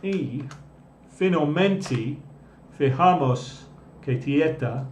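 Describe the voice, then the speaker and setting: A male English teacher leading a live online language class, speaking deliberately and repeating key words and definitions for his students. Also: on the high side, lively intonation, reverberant, slight background noise.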